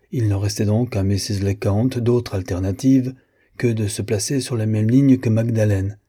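A man reading a novel aloud as narrator in a steady, measured way. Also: lowish voice, husky. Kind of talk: audiobook narration.

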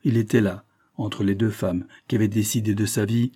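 A man narrating a classic novel in a measured, dramatic reading as an audiobook. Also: on the low side, fairly even intonation, mellow, husky. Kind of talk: scripted literary narration.

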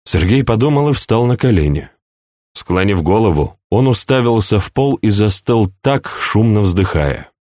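A man narrating a novel as an audiobook, in an even, unhurried storytelling manner. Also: fairly low pitch, no echo, clean studio sound. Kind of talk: scripted narration.

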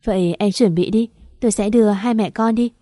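A woman reading the lines of a calm, steadying young husband in a storybook narration. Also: mid-range voice, a little fast, no echo, clean studio sound, natural voice.

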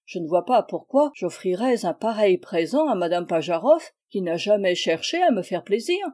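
A woman's voice: mid-range voice, animated, moderate pace, dark tone, close to an everyday voice. A woman reading aloud, voicing a proud, touchy provincial spinster who plays hostess, in a prim, affronted manner. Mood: offended.

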